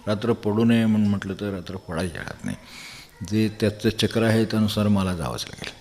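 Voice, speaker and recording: An older man from Maharashtra giving a devotional discourse in a conversational, digressive manner, pausing to chuckle as he explains with everyday examples. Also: on the low side, darkish tone. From Maharashtra, India. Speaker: spiritual discourse speaker.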